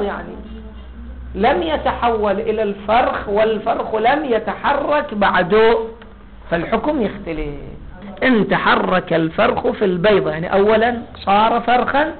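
A man's voice: high voice, creaky. A man with an Iraqi Arabic accent giving a seminary lecture on a legal text, putting questions to the class, answering them himself, and stretching out key words. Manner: drawn-out stress on key words. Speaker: religious law teacher. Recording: tinny phone-like lecture recording.

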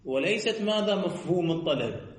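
A man teaching a seminary lecture, his voice sitting a little high. He stretches key words into a sing-song lilt and keeps asking rhetorical questions he then answers. The room around him rings with echo. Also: lively intonation, a little fast. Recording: echoey room.

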